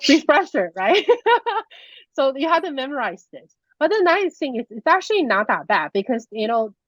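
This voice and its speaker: Her voice sits high with a fairly bright, sing-song tone at normal speed: a young Taiwanese woman, native in Mandarin, teaching casually and chattily with frequent fillers and restarts. The video call sound is dull and lo-fi, with no room sound.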